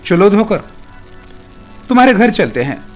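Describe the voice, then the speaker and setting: A man reading a calm compassionate woman. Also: sits high, a little slow, soft background music. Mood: soothing.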